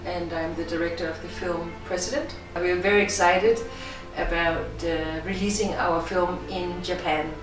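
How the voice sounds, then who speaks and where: A middle-aged woman director speaks with a Danish accent, explaining her work in a measured, thoughtful way. Her voice sits somewhat low and is picked up from a distance in a strongly echoing room, with a faint hiss behind it. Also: steady tone, music in the background. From Denmark. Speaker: film director. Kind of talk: interview answers. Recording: echoey room, distant mic.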